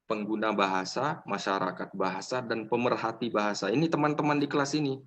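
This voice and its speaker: Man lecturing a class, lively and teasing. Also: on the low side, fairly quick. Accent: Indonesian. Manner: lively, joking, teasing students by name. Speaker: university lecturer.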